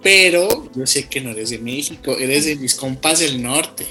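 Podcast host with a León, Guanajuato accent, friendly and rambling, middle pitch and a bright tone. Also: lively intonation, unhurried, faint music behind. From León, Guanajuato, Mexico. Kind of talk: casual interview chat.

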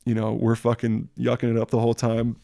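A man's voice: mid-range voice, monotone, fast, gravelly, dark tone, no echo, clean studio sound. A young man telling stories in a casual chat, rambling and slangy, packing every sentence with fillers and swearing. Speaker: guest telling tattoo stories.

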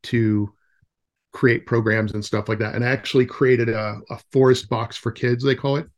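A man who is a guest forest educator in a casual podcast conversation, animated and acting out the voices of kids and parents. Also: medium pitch, normal speed.

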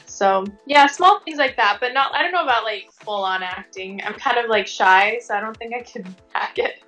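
Her voice is on the high side and fairly bright, at a normal speed, over faint background music in a rough recording. She's a Tongan American working fashion and commercial model, chatting casually in an interview with plenty of "like" and "you know."

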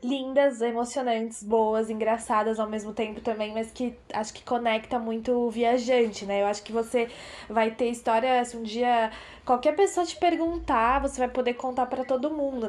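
A woman's voice: a little high, darkish tone. A woman hosting an interview, encouraging and reflective as she sums up. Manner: encouraging, brief reactions then reflective. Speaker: interviewer, host.

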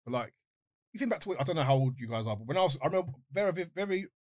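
A man's voice: a little high, animated, racing, darkish tone, no echo. A man chatting casually and explaining, repeating words as he forms his thoughts. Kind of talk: casual chat.

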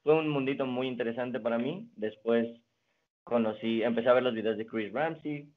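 A young man from Mexico, a guest in a casual interview, telling his story in a relaxed way with many restarts. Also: medium pitch, normal speed. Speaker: guest, card designer and magician. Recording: phone-like narrow band.

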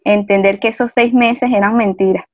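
Measured woman, dry sound. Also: medium pitch, steady tone, no echo, muffled recording. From Venezuela. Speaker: guest. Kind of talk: conversational interview.

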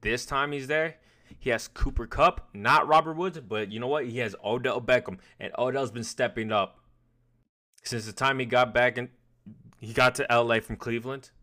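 A man's voice: mid-range voice, moderate pace, sharp tone. A man co-hosting a casual sports podcast, rambling and restarting his phrases, swearing now and then. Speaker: podcast co-host.

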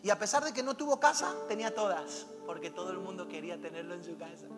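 A male pastor delivers a fervent, exhorting sermon and drops personal stories into it. His high voice carries through a long-reverb hall while music plays underneath. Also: quick pace.

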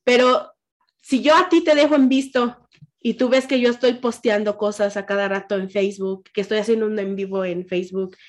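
A middle-aged woman with a Mexican accent, hosting a podcast and chatting casually in an animated way, with lots of fillers and quoted asides. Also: mid-range voice, brisk. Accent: Mexican Spanish. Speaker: podcast host. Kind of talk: casual chat.

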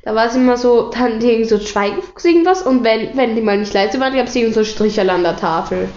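A woman's voice: fairly quick, darkish tone. Giggly Austrian teen girl chatting. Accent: Austrian German. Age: teens. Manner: giggly, acts out teachers in high voices. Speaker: podcast co-host. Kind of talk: casual chat. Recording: echoey room, dull lo-fi sound.

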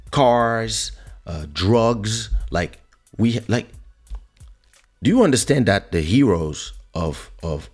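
A man born in Africa who grew up in France, a native French speaker, hosts an online show with a casual, opinionated monologue to viewers. He's emphatic and repetitive, leaning on rhetorical questions. His voice is lowish with a darkish tone.

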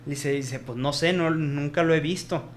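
A man with a Mexican Spanish accent retells film scenes in a casual discussion, acting out the characters' quoted lines with animated storytelling and frequent restarts. His voice is on the high side at normal speed, with slight background noise.

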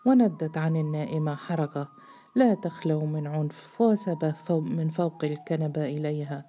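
A woman narrating a novel aloud in a measured, steady storytelling voice. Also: deep voice, a little hiss or hum.

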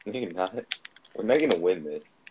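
A man's voice: low-pitched, very animated, normal speed, background noise. A young man chatting crudely and jokingly with friends while playing a video game online. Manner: joking, crude, breaks into mumbled singing. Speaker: gamer. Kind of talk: casual gaming chat with friends.

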